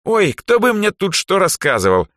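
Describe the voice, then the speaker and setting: A man voicing a cheerful, pushy teenage drow girl for a storybook reading, in a bright, bouncy and teasing voice. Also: on the high side, sing-song, moderate pace, no room sound, clean studio sound, voice pushed up.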